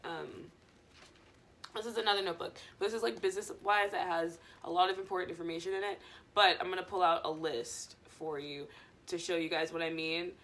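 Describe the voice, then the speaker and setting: A woman's voice: lowish voice, fairly even intonation, a little fast, fairly bright tone. A woman chatting casually to her viewers as a vlogger, in a loose, rambling, digressive stoner manner.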